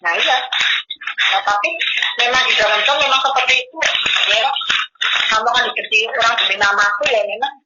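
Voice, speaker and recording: A supportive woman in casual chat, agreeing often in a high voice. The recording is dull and lo-fi, with loud noise behind her. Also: brisk, pauses often.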